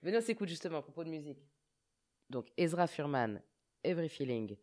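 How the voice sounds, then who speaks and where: Low-voiced chatty woman host. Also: lively intonation, fast talker, a little mellow. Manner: chatty, encouraging, asks many questions. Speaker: radio host. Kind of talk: casual radio chat.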